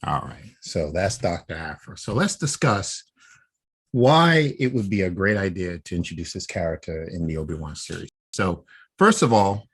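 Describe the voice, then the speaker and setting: Step by step, this podcaster unpacks fan theories in a relaxed, conversational way, often checking in with his co-host through a brisk "right?" His voice sits low, with a touch of huskiness and a fairly bright quality.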